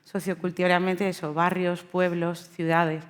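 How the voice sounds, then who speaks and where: A woman's voice: lowish voice, little pitch movement, unhurried. A woman bookseller speaking on a panel, hesitant, with many fillers and restarts. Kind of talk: panel talk. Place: event hall.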